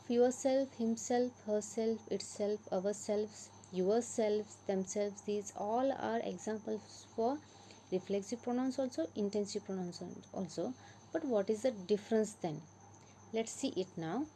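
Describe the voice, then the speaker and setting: A woman's voice: medium pitch, warm tone, a little hiss or hum, rough recording. A woman with an Indian English accent teaching a grammar lesson, patiently repeating and stressing example words.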